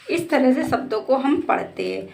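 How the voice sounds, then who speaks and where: A woman teaching a children's lesson, stretching out each word slowly in patient pronunciation drills and addressing the listener as a child. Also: high voice, huge pitch swings, creaky, a little mellow, a little hiss or hum. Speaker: Hindi teacher.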